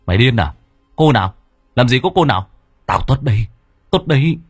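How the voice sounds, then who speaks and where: A man voicing a rough, short-tempered village gang boss who curses and barks orders. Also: a bass voice, animated, brisk, no echo, studio quality, pitched below the performer's own voice, heavily acted. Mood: angry. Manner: gruff, cursing, bossy.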